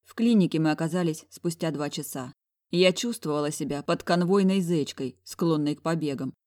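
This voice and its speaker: A woman reading a first-person audiobook in a wry, lively storytelling manner. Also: low voice, moderate pace, no room sound, studio quality. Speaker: audiobook narrator.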